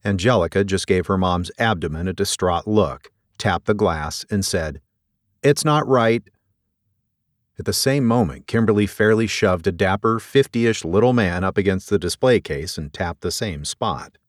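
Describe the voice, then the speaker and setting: A man narrating a story in an expressive storytelling delivery. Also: deep voice, normal speed, few pauses, no room sound, studio quality. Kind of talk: audiobook narration.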